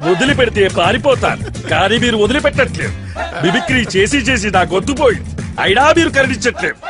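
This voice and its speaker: Male actor as a theatrical hero impression, high and declaiming, music under it. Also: animated, fast talker. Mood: theatrical defiance. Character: man mimicking a fiery film hero, booming and theatrical.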